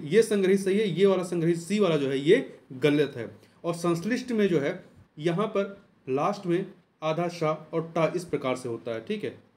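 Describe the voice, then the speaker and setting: A high-pitched man walks through exam questions one by one. He talks patiently, repeating each key word and slowing down to spell it out. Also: darkish tone. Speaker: Hindi exam-prep teacher. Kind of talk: explaining test answers.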